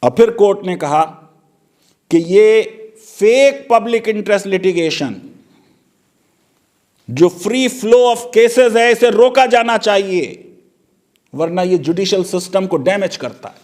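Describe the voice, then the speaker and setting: High-pitched man giving sarcastic legal commentary. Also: lively intonation, takes it slowly, long pauses, darkish tone. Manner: sarcastic, rhetorical questions.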